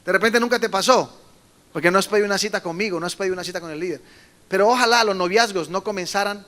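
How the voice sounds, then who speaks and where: High bright-voiced pastor preaching. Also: male voice, fast. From Colombia. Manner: animated storytelling, acts out quoted voices, emphatic bursts. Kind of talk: sermon to a youth meeting.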